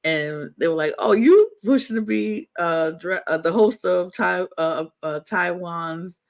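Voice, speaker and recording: A man's voice: high voice, a little slow, gravelly. Enthusiastic, rambling male podcast co-host. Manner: enthusiastic, rambling, repeats himself. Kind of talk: casual chat.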